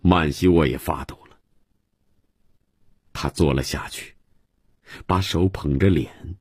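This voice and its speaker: A man narrating a novel for radio with measured, dramatic storytelling. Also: deep voice, a little mellow, breathy edge, dry recording, clean studio sound.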